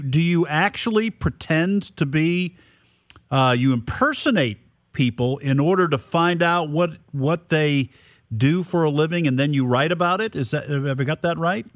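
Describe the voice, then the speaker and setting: Slightly high-voiced male radio host, dry sound. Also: animated, no room sound. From New Hampshire, United States. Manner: halting, repeats words while forming questions. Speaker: radio talk show host. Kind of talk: conversational interviewing.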